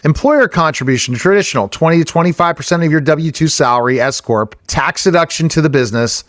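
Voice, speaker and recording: A man co-hosting a podcast, reading text aloud in a steady, plain way. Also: on the high side, fast talker, dry recording, studio quality. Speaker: podcast co-host. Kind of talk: reading aloud and casual chat.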